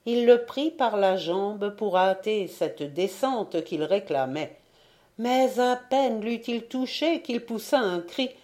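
A woman reading a classic tale aloud as an audiobook narrator, measured and expressive. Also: medium pitch. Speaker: audiobook reader. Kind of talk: storybook narration.

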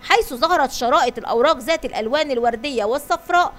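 A woman reading a children's story aloud at a steady pace, sometimes restarting a word. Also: sits high, rapid-fire, faint music behind.

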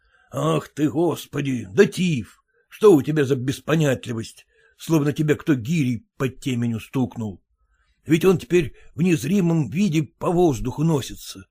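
A man's voice: medium pitch, animated, moderate pace, warm tone, husky. A man voicing a fussy, self-important merchant husband who lectures and grumbles. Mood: grumbling. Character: pompous fussy merchant husband, fearful of typhus.

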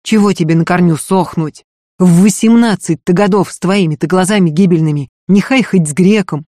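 A man's voice: high-pitched, normal speed, warm tone, no echo. Cheeky young thief read by a man: coaxing, street slang, dry sound. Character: cheeky young male thief, escaped convict. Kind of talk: audiobook reading.

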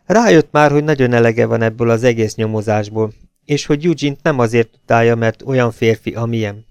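A man reading a novel aloud as an audiobook narrator, steady and measured. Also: mid-range voice, clean tone, no echo.

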